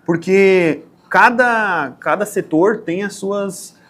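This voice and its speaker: A man with a southern Brazilian accent, a podcast guest who tells stories in a lively way and acts out the lines of people in them. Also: high-pitched, slow. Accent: Brazilian Portuguese, southern Brazil. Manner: animated storyteller, acts out quotes. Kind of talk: casual podcast interview.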